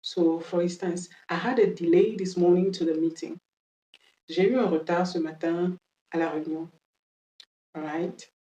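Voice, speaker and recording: A woman's voice: lowish voice, steady tone, unhurried, pauses often, mellow, roomy sound, distant mic, rough recording. A woman teaching English vocabulary, explaining patiently, switching between English and French and often checking with an "ok?". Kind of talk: bilingual language lesson.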